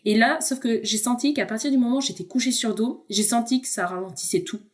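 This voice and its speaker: A woman with a fairly high voice shares a personal story as a podcast guest. She is candid and chatty, and she speaks to the host as a friend. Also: quick pace. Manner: candid and conversational, addresses the host informally. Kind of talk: personal storytelling in a casual chat.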